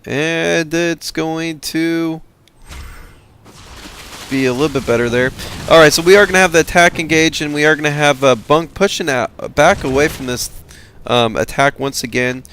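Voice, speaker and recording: A man giving casual commentary on a strategy game replay, tired and halting, with many fillers. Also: fairly high pitch, fairly bright tone, a little hiss or hum. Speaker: game caster.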